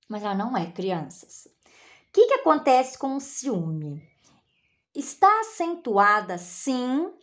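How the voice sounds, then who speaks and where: Brazilian woman teacher for a kids' lesson; animated and unhurried, keeps checking the class understands. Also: fairly high pitch. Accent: Brazilian Portuguese. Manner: patient, explaining slowly with repeated checks like "né?" and "tá?"; spells out syllables one by one. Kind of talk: recorded classroom lesson for children.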